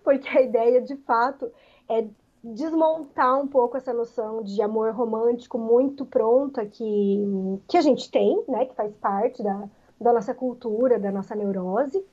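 A woman author answering interview questions in a reflective way, pausing often with filler words. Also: fairly high pitch, breathy edge, dull audio. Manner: reflective, many pauses and "né" fillers.

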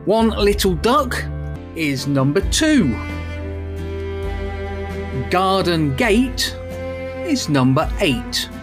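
A podcast host reads out announcements like a bingo caller. The delivery is slow and deliberate, with a lively, swinging pitch, and music plays behind the voice. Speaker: podcast host reading prayers, quiz and sign-off. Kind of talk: scripted podcast narration.

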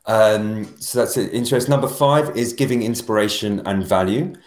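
A man with a low voice talks as a guest on a podcast, animated and rambling, often restarting his sentences. His voice carries a roomy echo. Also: moderate pace. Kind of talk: casual podcast conversation.

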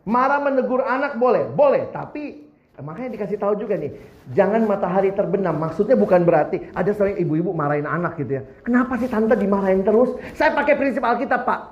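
A man preaching a sermon, humorous and animated, putting questions to the congregation. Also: sits high, quick pace. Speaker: pastor. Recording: roomy, slightly dull, faint background noise.

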